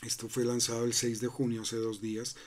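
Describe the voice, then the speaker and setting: A man's voice: mid-range voice, completely flat delivery, brisk, darkish tone. A man hosting a crypto channel, talking loosely through a screen-recorded walkthrough, full of fillers, restarts and tag questions. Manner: loose and conversational, many fillers and restarts, asks "¿no?".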